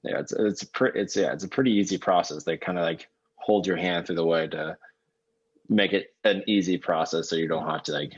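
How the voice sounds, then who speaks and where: A man's voice: low-pitched, fairly quick, breathy edge, lo-fi sound. A man in his twenties with a Canadian accent, chatting casually as an interview guest. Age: 20s. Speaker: bone marrow donor, interview guest. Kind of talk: casual conversation.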